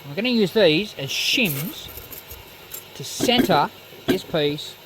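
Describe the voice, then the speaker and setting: Working in his home metal workshop, a DIY metalworking presenter talks through hands-on metalwork step by step in a casual, matter-of-fact way. He has a high-pitched, fairly bright voice with lively intonation and a slow pace. Machinery noise is clear in the recording: a saw running, clicks and other machine sounds.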